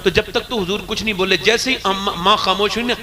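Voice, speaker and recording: A man preaching a sermon, telling a religious story with impassioned delivery and frequent shouted outbursts. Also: high voice, steady tone, fast talker. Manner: impassioned, often shouting and crying out. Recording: live recording with clear crowd noise.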